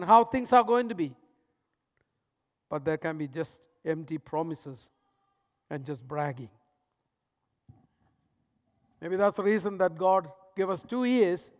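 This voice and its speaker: A man preaching a sermon as pastor, swinging between loud emphatic lines and hushed, soft ones. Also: high-pitched, in a large hall.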